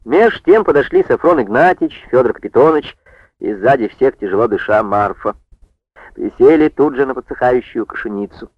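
A man reading a novel aloud in steady audiobook narration. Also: medium pitch, moderate pace, husky, dry recording. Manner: steady storytelling. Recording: dull dry lo-fi recording.

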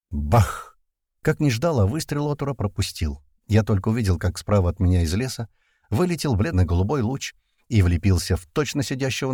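A man's voice: on the low side, no room sound, studio quality. A man narrating a first-person action audiobook in a tense storytelling manner. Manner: tense storytelling with shouted commands.

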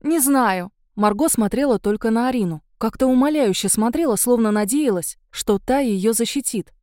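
Mellow-voiced woman audiobook narrator. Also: a little high, moderate pace, dry recording, clean studio sound.

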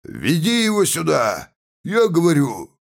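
A man's voice: on the high side, wildly swooping pitch, measured pace, vocal fry, pitched above the performer's own voice, full character voice. A man voicing a drunk, bullying village constable who bellows his orders in a furious slur.

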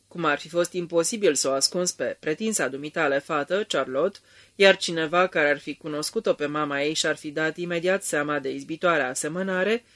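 A man narrating a radio drama in a calm, measured storytelling manner. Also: a little high, natural voice.

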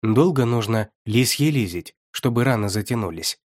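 A man's voice: medium pitch, animated, moderate pace, dry recording, studio quality, lightly acted. A man voicing a sarcastic, touchy young man in an audiobook, snapping back when pressed. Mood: wary.

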